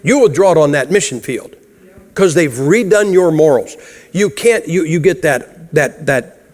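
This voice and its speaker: A man's voice: fairly high pitch, animated, a little slow, a little mellow. A man preaching a sermon in a church, blunt and emphatic, chuckling through his stories. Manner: humorous, chuckles through anecdotes. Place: church sanctuary. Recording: long hall reverb.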